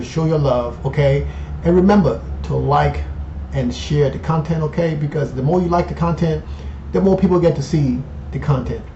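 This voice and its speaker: A man's voice: a little high, mellow. A man in his fifties hosting a casual portfolio update, talking in a chatty way and often tagging on "okay" and "you know". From Colombia. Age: 50s. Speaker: investing channel host. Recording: echoey room, dull lo-fi sound, faint noise.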